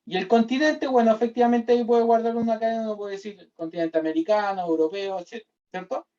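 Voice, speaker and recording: A Chilean-accented university lecturer walks through a data-modeling class step by step, tacking "¿ya?" or "¿cierto?" onto nearly every sentence. He talks fast in a high, mellow, fairly even voice. The recording is distant, dull and lo-fi.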